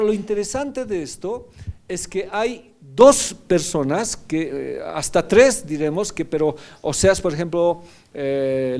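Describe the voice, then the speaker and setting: Pastor preaching in a mellow voice. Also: male voice, a little high. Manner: teaching, often checking in with "¿ya?". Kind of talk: sermon.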